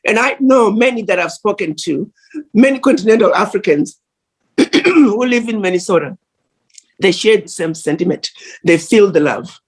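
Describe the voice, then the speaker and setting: A woman speaking at a virtual conference, delivering an earnest, measured address over a video call. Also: mid-range voice, animated, slightly rough. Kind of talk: formal address.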